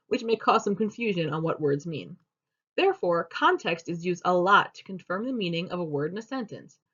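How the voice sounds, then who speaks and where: A young woman giving a class presentation, explaining step by step in a steady teaching manner. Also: medium pitch. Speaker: student presenter. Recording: dull lo-fi recording.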